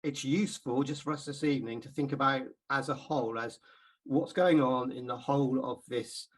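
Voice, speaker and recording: A man's voice: medium pitch, fairly even intonation, normal speed, poor audio. Hesitant, chatty man giving a Bible talk. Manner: chatty, hesitant, many ums and self-repeats. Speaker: Bible class speaker. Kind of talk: informal Bible talk to a congregation.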